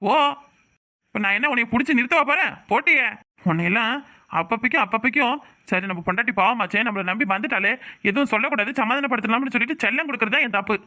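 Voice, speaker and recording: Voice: medium pitch, fast, bright, forceful tone, lightly acted. Someone doing a grumbling cartoon husband. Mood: scolding. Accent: Tirunelveli Tamil. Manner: nagging, complaining rants. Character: irritable young husband, grumbling and scolding. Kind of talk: cartoon voice acting.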